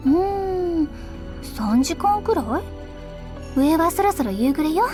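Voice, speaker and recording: A woman's voice: very high-pitched, expressive, normal speed, music in the background. A woman voicing a flirty, playful female teacher in an anime-style game. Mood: teasing. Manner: teasing, sing-song.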